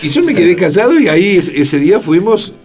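Man, Rioplatense accent, record producer, animated storyteller, voices his quotes, faint background music. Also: high-pitched, a little fast. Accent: Rioplatense Spanish. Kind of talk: storytelling interview.

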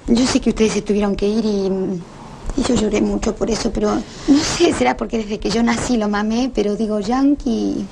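A woman's voice: medium pitch, fairly even intonation, moderate pace, gravelly, noisy background, close to an everyday voice. An actress with a Rioplatense accent playing a weary, stubborn working-class mother who speaks with fervent, pleading passion. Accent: Rioplatense Spanish. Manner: impassioned, pleading, swings between hushed and fervent.

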